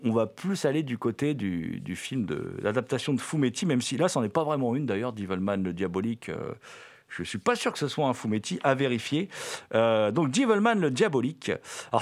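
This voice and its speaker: A man's voice: mid-range voice, very animated, fairly quick. A man hosting a casual film review, enthusiastic but hesitant, full of fillers and repeated words.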